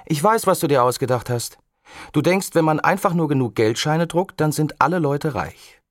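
A man's voice: medium pitch, lively intonation, moderate pace, no echo, studio quality, voice pushed up. A man reading aloud, lifting his voice to play a sceptical, know-it-all young girl who challenges her friend.

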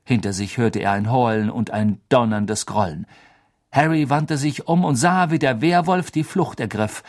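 A man narrates an audiobook with dramatic, expressive storytelling. His voice is medium in pitch and his pace is normal.

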